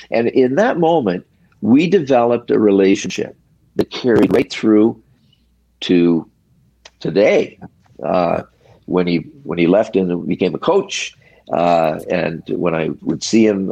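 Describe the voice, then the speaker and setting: An older man, a retired hockey referee, telling stories from his career in a casual interview, measured and reflective, in short pausing phrases. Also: on the low side, gravelly, dark tone, dry recording.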